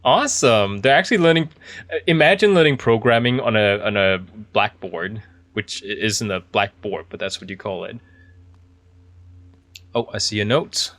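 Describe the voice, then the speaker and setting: A man's voice: on the low side, moderate pace, a bit bright, no echo. A man giving casual video game commentary, thinking aloud in a chatty, easily impressed way. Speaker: video game streamer playing an indie horror game.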